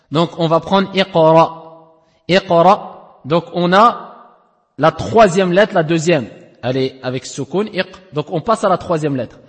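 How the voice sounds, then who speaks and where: Man, teacher, recitation lesson, high-pitched voice, slow repetitions, long reverb. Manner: repeats each word slowly and checks understanding often. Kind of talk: tajwid lesson explaining rules. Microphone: lo-fi audio recording.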